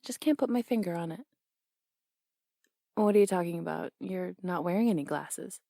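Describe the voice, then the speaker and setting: A young woman voicing a brash, teasing tomboy boxing coach in an audio role-play, blunt and quick to laugh. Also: fairly low pitch, creaky, mellow, dry recording, studio quality.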